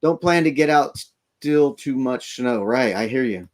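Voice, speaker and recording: Speaking from his RV camper, this Florida livestream host rambles casually, chatting with his audience and offering thanks. His medium-pitched voice is expressive and unhurried.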